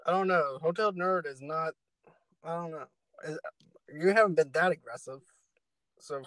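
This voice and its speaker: A man with a Boston accent co-hosting a casual podcast, animated and quick to laugh. His voice sits notably high for a man. The sound is dry and close. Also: no room sound, poor audio. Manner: animated, laughs often, slips into put-on voices. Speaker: podcast co-host. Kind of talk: casual chat.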